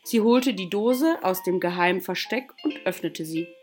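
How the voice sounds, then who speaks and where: A woman teacher reading a children's story aloud to her class, slow and expressive. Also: mid-range voice, faint music behind.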